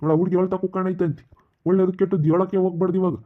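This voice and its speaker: A man playing a stern older village man who scolds the women to keep quiet, in an amateur skit. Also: high voice, flat delivery, racing, close to an everyday voice. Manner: admonishing, repeats rhetorical questions. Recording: tinny phone-like audio.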